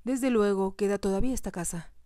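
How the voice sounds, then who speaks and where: A woman voicing a proud young heiress who speaks in a polite, soft and measured way. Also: medium pitch, no room sound, studio quality, pitched above the performer's own voice, close to an everyday voice.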